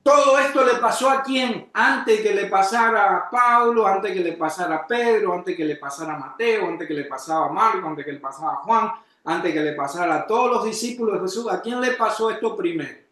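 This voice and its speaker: A man preaching a sermon as pastor, asking his congregation questions and breaking into sudden shouted emphasis. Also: high-pitched, fairly quick. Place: church. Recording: echoey church hall.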